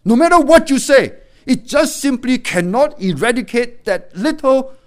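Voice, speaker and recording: A middle-aged man preaching a sermon as a pastor, swinging between loud exhortation and quiet, low warnings. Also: lively intonation, normal speed.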